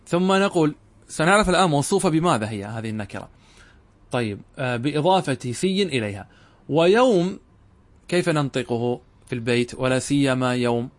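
A middle-aged man lecturing on Arabic grammar, explaining step by step and asking his students questions that he then answers himself. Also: medium pitch. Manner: addresses students directly and urges them to pay attention. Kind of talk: classroom lecture.

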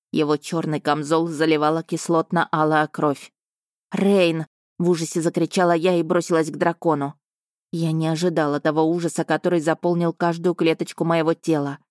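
Woman reading a fantasy book out loud, low voice, dry close sound. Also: no room sound. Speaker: audiobook narrator. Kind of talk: first-person fiction narration.

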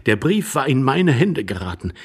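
A man voicing a rambling, apologetic jealous husband who fawns over a lady, with a husky voice. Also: medium pitch, big pitch swings, normal speed, darkish tone. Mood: flustered, fawning. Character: flustered jealous husband, a rambling, fawning middle-aged man.

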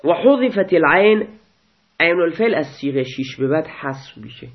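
A man teaches a grammar lesson in a methodical way, repeating each form slowly as he explains it. His voice sits somewhat high. The recording sounds muffled and lo-fi. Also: animated. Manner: explains step by step, repeats verb forms slowly.

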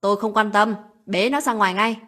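A woman voicing a harsh older mother-in-law who yells cold insults at her daughter-in-law in a spoken story. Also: fairly high pitch, a little fast, breathy edge. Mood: angry. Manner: shouting, cold and abusive.

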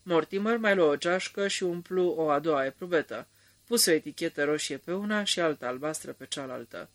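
A man narrating a radio drama in a calm, measured storytelling manner. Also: on the high side, lightly acted.

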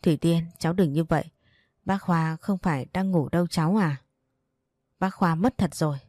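Weeping older aunt in a storybook, choked and consoling, as a woman narrator puts her on, low warm voice. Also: moderate pace, no room sound, studio quality, natural voice.

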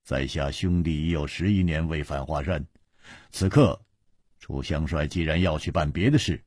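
A man storyteller voicing a humble swordsman who speaks haltingly and formally. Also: rumbling low, a little mellow, slightly rough, no echo, clean studio sound, voice pushed down, heavily acted. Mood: deferential. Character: humble, formal male martial-arts swordsman.

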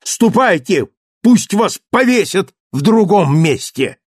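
A man's voice: sits high, very animated, takes it slowly, breathy edge, dry recording, clean studio sound, pitched above the performer's own voice, full character voice. A man voicing a furious young hero. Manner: shouting, impassioned outbursts. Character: young man, frantic and passionate.

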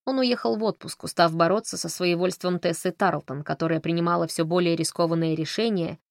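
Low-voiced female narrator, measured storytelling, dry close recording. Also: steady tone, creaky, dry recording. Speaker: audiobook narrator. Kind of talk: scripted narration.

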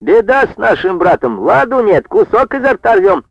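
A man voicing an older male farm foreman who shouts in indignant protest. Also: high-pitched, expressive, moderate pace, gravelly, no echo, pitched above the performer's own voice, full character voice. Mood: grumbling. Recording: dull dry lo-fi recording.

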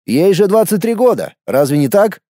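A man's voice: high voice, big pitch swings, moderate pace, warm tone, dry recording, studio quality, voice pushed up. A man voicing a smug, nosy young man who thinks he knows all about women, talking with sarcastic, insistent teasing. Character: smug, nosy young man, self-styled ladies' expert.

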